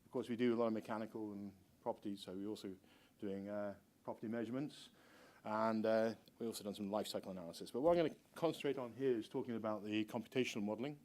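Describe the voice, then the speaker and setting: A middle-aged man who is a university researcher, giving a conference presentation in an informal, hesitant, halting way. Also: lowish voice, fairly even intonation, darkish tone. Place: lecture room with seated audience.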